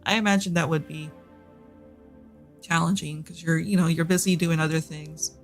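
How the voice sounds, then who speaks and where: Casual stream talk comes from a Southern-accented Texan hosting a reading sprint, rambling and dropping many fillers. They speak at normal speed in a steady, mid-range voice through a desk mic, headset off, with soft music playing underneath.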